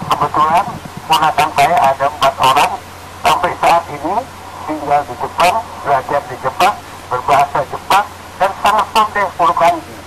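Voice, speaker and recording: A man's voice: on the high side, moderate pace. A man from Indonesia phoning in to give an emphatic, admiring opinion off the cuff. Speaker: phone-in caller. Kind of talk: spontaneous call-in opinion. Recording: very noisy telephone call.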